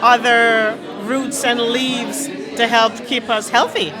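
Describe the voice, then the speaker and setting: A young Jamaican woman with a Jamaican accent, a Chinese medicine doctor, is interviewed as a guest at a busy indoor party. Her fairly high voice stays level and slow, and she speaks with conviction. Music plays under her, along with the crowd chatter of the party.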